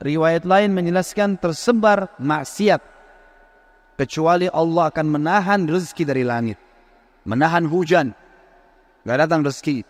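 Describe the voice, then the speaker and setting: A man's voice: a little high, normal speed, pauses often, big-room sound. A man preaching a sermon, telling stories and putting rhetorical questions to his listeners, whom he calls friends.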